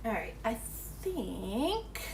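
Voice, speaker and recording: A young woman with a slightly high voice chats at an unhurried pace as she washes dishes in her home kitchen. She rambles easily and slips into a cooing tone when she talks to her dog. A camera mic across the room catches her, with a faint hiss underneath. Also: big pitch swings, creaky, echoey room, recorded from a distance. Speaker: home baking channel host. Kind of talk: casual chat while doing chores.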